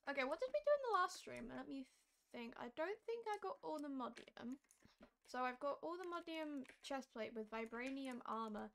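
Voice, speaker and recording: A hoarse woman who is losing her voice, chatting casually and thinking aloud while live-streaming a game. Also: high voice, lively intonation, normal speed, fairly bright tone. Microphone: streaming mic.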